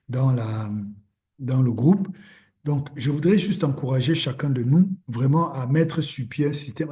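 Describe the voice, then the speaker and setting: A man's voice: medium pitch, mellow. A man leading an online learner group, urging them on, with many fillers and repeated words. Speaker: meeting facilitator. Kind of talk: encouraging talk to a learner group.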